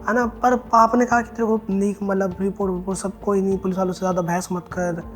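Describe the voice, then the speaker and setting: A young man with a fairly high voice recounts his own experience in an interview. He speaks haltingly, restarting sentences and acting out the lines of the people he quotes. Soft music plays faintly behind him. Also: flat delivery. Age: young adult. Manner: halting, with many restarts and acted-out quoted dialogue. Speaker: interviewed student.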